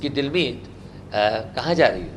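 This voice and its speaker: A man's voice: medium pitch, animated, a little slow, background noise. A man from India teaching a spoken English class, quizzing students and drilling repetition. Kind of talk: classroom language lesson.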